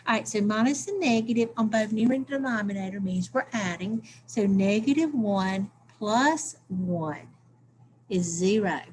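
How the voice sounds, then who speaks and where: A woman's voice: medium pitch, moderate pace, a little mellow, a little hiss or hum. A woman teacher, walking through math steps aloud in a recorded lesson and checking in with "okay?".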